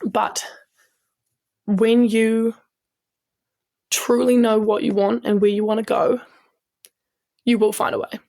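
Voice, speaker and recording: New zealand woman guest, gravelly edge, earnest storytelling w lots of ums. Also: fairly high pitch, little pitch movement, takes it slowly, long pauses, darkish tone. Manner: earnest, with frequent restarts and ums. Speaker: guest, strength coach and sports medic. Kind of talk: casual interview storytelling.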